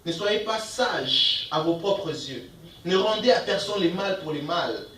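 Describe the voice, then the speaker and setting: A man's voice: fairly high pitch, animated, measured pace, fairly bright tone, roomy sound, far from the mic, rough recording. A man preaching a sermon as pastor, emphatic, asking the congregation questions and reading verses aloud. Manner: reads scripture verses aloud between comments. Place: church.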